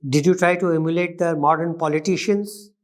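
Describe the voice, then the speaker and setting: A man with an Indian accent and a slightly high voice questions a candidate in a formal interview. He speaks haltingly, repeating words and reworking each question as he goes. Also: fairly even intonation. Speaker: interview panelist.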